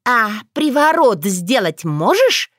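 A woman doing a shrill, brash village girl. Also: big pitch swings, unhurried, no echo, studio quality, full character voice. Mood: coy. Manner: loud, shrill, indignant.

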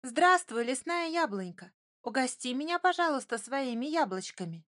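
Storybook fox cub girl, high and eager, lively, a woman puts her on. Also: normal speed. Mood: excited, sheepish. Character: young female fox cub, excitable and childish.

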